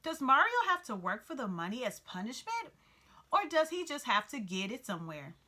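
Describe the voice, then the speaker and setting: A woman's voice: high-pitched, big pitch swings, moderate pace, pushed and bright, pitched above the performer's own voice, heavily acted. Harry Cat, a woman doing an impatient alley cat. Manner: impatient, no-nonsense, sarcastic. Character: blunt, impatient, worldly male alley cat. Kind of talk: storybook read-aloud character voice.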